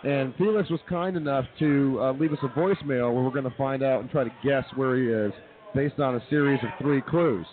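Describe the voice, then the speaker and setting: A man with a mid-range voice speaks fairly quickly while hosting a live comedy radio show, blending mock-formal announcements with casual banter. The sound is thin and phone-like, with audience noise audible.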